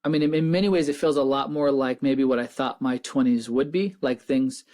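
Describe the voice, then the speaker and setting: A man in his thirties hosts a casual podcast conversation. He rambles and restarts his sentences often, in a friendly, chatty way. His voice sits at an ordinary middle pitch. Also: brisk, a little mellow. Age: 30s. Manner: chatty, rambling, self-interrupting. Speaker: podcast host. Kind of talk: casual interview chat.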